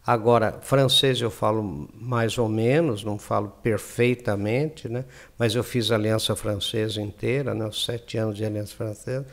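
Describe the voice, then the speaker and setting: A man's voice: fairly low pitch, fairly even intonation, moderate pace. A Brazilian man speaking Brazilian Portuguese as an interview guest, rambling and often ending with tag questions. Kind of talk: casual interview chat.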